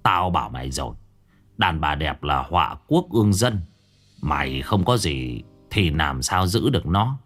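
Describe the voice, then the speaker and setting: A man's voice: mid-range voice, very animated, unhurried, faint music behind, voice pushed up. A man voicing a rowdy, nagging drunken village neighbor in a spoken ghost story. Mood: weary. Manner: loud, nagging, slurring banter.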